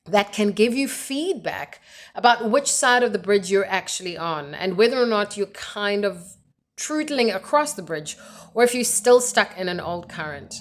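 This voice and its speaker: A woman's voice: mid-range voice, animated, normal speed. Earnest woman podcast coach. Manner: earnest, emphatic, coaching tone with frequent "okay" check-ins. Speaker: podcast host. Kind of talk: solo podcast monologue.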